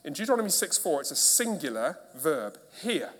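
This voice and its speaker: A man's voice: fairly high pitch, big pitch swings, a little fast, fairly bright tone. Emphatic male pastor preaching in a reverberant hall. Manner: emphatic, with repeated rhetorical questions. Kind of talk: sermon. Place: church.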